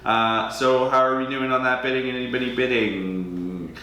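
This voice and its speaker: A man's voice: mid-range voice, steady tone, moderate pace, sharp tone. Chatty man hosting a charity auction, echoey room. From Alberta, Canada. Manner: chatty, self-deprecating, hesitant with many ums. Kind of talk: casual livestream auctioneering.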